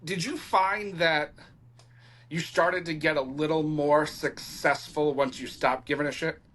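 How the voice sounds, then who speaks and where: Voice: mid-range voice, fairly even intonation, unhurried, a bit bright. Laid-back podcast host, casual. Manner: laid-back, frequent fillers like "you know" and "right".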